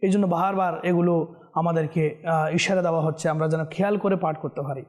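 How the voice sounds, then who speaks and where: A man teaching Quran recitation on a television lesson, chanting verses slowly and melodically, then explaining corrections earnestly and repeating them for viewers. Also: on the high side, fairly even intonation, a little mellow. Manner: drawn-out melodic recitation between quick explanations.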